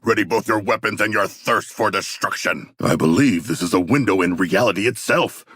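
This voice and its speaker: A man's voice: on the low side, moderate pace, fairly bright tone, husky, no room sound, clean studio sound. A man playing a huge humanoid shark warrior in a video game, earnest and literal-minded, with formal, stilted, grandiose diction and a battle-hungry pride. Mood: earnest, eager. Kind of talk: video game character voice lines.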